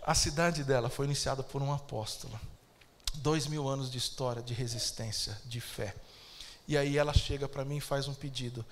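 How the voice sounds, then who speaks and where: A man's voice: medium pitch, steady tone, moderate pace, slight background noise. A man with a Brazilian Portuguese accent preaching a sermon as pastor, emphatic and calling out to the congregation for amens.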